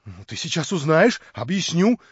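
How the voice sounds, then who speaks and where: A man doing an excitable young man, high and loud. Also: normal speed, slightly rough, no room sound, full character voice. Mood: ecstatic pleading. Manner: breathless, exclamatory, high and loud. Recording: dull dry lo-fi recording.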